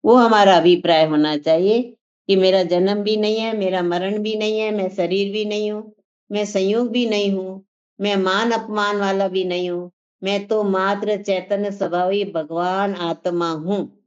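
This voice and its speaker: A woman giving a spiritual discourse to a class, speaking earnestly and circling back over the same phrases as she teaches. Her voice sits at a middle pitch. The recording sounds muffled and lo-fi. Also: fairly even intonation, measured pace, a little mellow. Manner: earnest, repetitive teaching cadence. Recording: dull lo-fi sound.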